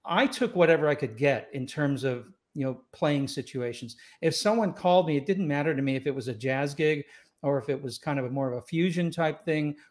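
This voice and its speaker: Brisk and a little mellow, with a fairly high pitch, this saxophonist guest in his sixties was born in Scotland and raised in Los Angeles. He tells stories easily and reflectively, with lots of fillers and restarts, in a relaxed interview. He's on a video call with a boom-arm studio mic, sitting in a home room with wooden doors and shelves.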